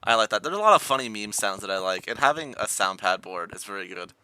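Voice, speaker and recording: A man's voice: fairly low pitch, big pitch swings, fast, sharp tone, clean tone, no echo. A man co-hosting a casual podcast chat with friends, rambling and restarting his sentences often. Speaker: podcast co-host.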